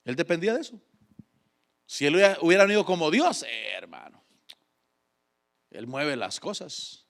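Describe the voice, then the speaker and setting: Man, preacher, fervent sermon, call-and-response, high voice, lively pitch swings. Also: moderate pace, vocal fry. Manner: swings between loud exhortation and soft asides.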